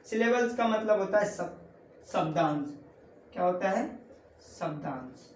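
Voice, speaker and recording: A woman's voice: on the low side, expressive, measured pace, a little mellow, a little hiss or hum. A woman teaching English grammar in an online lesson, asking the class a question after each point and answering it herself. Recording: echoey room.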